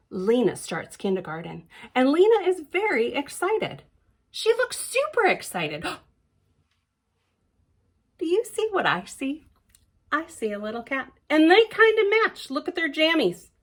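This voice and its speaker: A library storytime reader with a high-sitting voice reads a children's picture book aloud. She draws out words expressively, drops into whispers, and asks the young listeners chatty questions.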